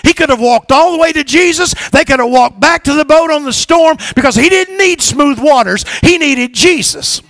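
A man preaching a sermon as pastor in a church, swinging from shouted exhortations to low, quiet asides and leading call-and-response with his congregation. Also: animated, moderate pace, few pauses, no echo, clean studio sound. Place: church sanctuary.

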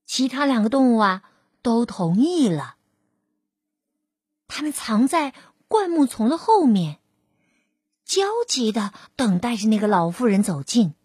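A woman reads a children's story aloud with a high, very lively voice. She takes her time and her voice is a little breathy. The recording is dry and close. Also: dry recording. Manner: expressive, drawn-out storytelling.

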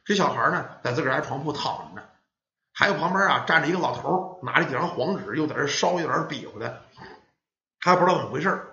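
A man's voice: a little high, animated, quick pace, vocal fry, bright, forceful tone. A man telling a ghost story, acting out the children and parents as he goes. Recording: roomy, dull lo-fi sound.

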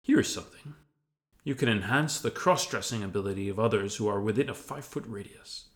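A man's voice: on the low side, expressive, brisk, close to an everyday voice. A man voicing an intrusive, sardonic talking hat that reads minds, drawling and dismissive in a scripted parody audio story. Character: intrusive, bored, sardonic telepathic sorting hat.

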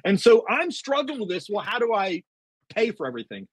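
A man's voice: high voice, a little fast, slightly rough, no echo. A middle-aged man, a podcast guest, telling a faith testimony with earnest storytelling, often quoting himself. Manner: many fillers and restarts, excited.

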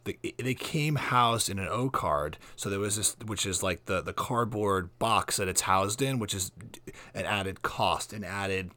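Low-voiced opinionated man chatting music. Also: measured pace, bright, forceful tone. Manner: opinionated, swears casually, detailed music-collector talk. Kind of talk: casual chat.

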